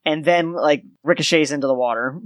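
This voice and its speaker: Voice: mid-range voice, fairly quick, no echo. A game master narrating a tabletop game in an informal, descriptive way.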